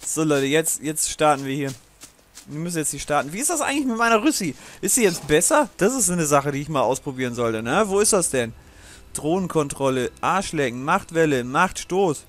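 Chatty, higher-voiced man playing a game. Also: sing-song, brisk, a bit bright. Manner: chatty, digressive, swearing, laughing often. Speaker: let's play host. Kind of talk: casual gaming commentary.

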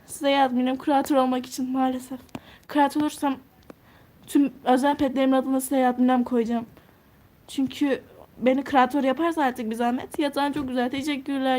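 A woman's voice: high voice, darkish tone. A teenage girl live-streaming, chatting casually as she reads out and answers viewer comments while touring her game house. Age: teens.

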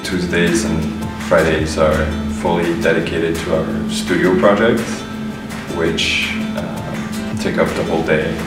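A man's voice: a bass voice, level tone, takes it slowly. A young man from Morocco, a master's student talking casually about his studies and internship, with hesitant fillers. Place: studio office indoors. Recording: echoey room from some distance, music over.

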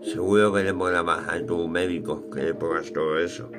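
Over loud music, a man in his thirties with a Peninsular Spanish accent vlogs from a small, cluttered room at home. His low, steady voice is unhurried as he chats casually and thinks aloud. His style is colloquial and rambling, with mild swearing.

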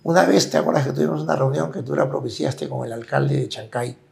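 As an interview guest, a man with a mid-range voice speaks quickly with a steady tone and vocal fry. He lays out his points in detail in a casual conversation, frequently adding "¿no es cierto?" at the end.

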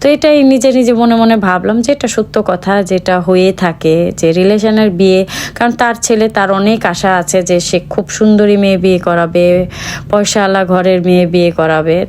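A woman's voice: medium pitch, slight background noise. A young woman from Bangladesh chatting casually to her viewers in a home vlog. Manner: chatty, talks softly to her child. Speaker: vlogger.

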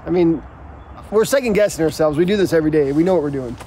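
A middle-aged builder who co-hosts videos explains construction steps casually, full of slangy, joking banter. His voice is a little high and mellow, and he talks fast. Noisy outdoor sound from the building site surrounds him.

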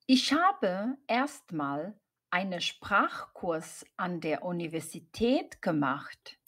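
A woman voicing a young woman student in a slow scripted learner dialogue, answering carefully. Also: lowish voice, big pitch swings, a bit bright, husky, voice pushed down, full character voice. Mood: plain. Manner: plain, careful storytelling answers.

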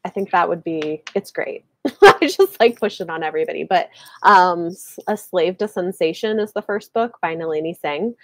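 In a small bookshelf-lined room, a thirtysomething book channel host discusses books casually over a live video call using earbuds. She sounds animated at normal speed in a lowish voice with no room sound, hedging and leaning on "like."

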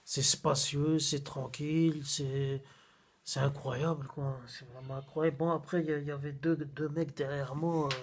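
A man's voice: a little high, fairly even intonation, normal speed, slight background noise. A man in his thirties rambling in a casual food-review vlog. He talks in slang and keeps repeating himself, filmed on a phone. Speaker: vlogger. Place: small room at home, then a busy fast-food restaurant. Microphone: phone camera at arm's length, then propped on a table.

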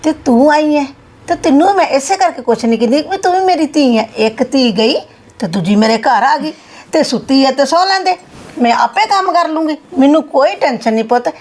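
A woman's voice: sits high, lively intonation, a little fast. A middle-aged woman playing a reassuring mother-in-law in a scripted family skit. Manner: warm, reassuring, calls her "son".

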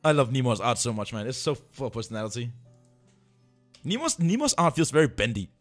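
Over faint music, a man with a mid-range voice speaks briskly while hosting a livestream. He chats casually and greets viewers, excitable and full of jokes, often repeating what he just said.

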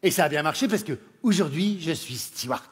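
A man from northern France with a northern French accent doing stand-up comedy in a camp, animated way, often laughing as he talks. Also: on the high side, brisk, slightly rough. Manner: camp, animated, laughing through his lines. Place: theatre stage. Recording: live show with hall reverb and faint noise.

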